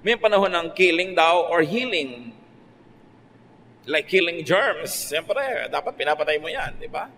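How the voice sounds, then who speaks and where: A Filipino pastor preaches with easy, joking asides in a somewhat high voice. His words ring out with a long reverb in a large hall. A faint ambient hum sits under the talk. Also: a bit bright. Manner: conversational preaching, mixing Tagalog and English, playful asides. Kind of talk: sermon.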